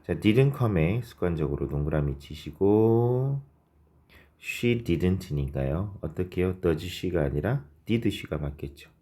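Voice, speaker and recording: Low, slow-speaking male grammar teacher. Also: expressive, mellow. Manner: explains step by step, often asking and answering his own questions; reads English example sentences slowly, word by word. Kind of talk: recorded online grammar lesson.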